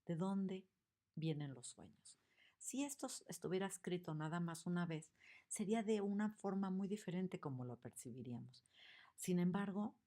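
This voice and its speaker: A woman teaching a lesson on picture books, expressive and asking her listeners questions. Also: lowish voice, moderate pace. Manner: expressive, acts out the examples, asks the audience questions.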